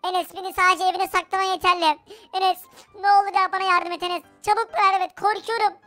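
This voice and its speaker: A man's voice: very high-pitched, flat delivery, brisk, sharp tone, soft background music, pitched above the performer's own voice. A man voicing a tiny, scared baby crewmate in a Minecraft role-play, pleading and repeating the listener's name often.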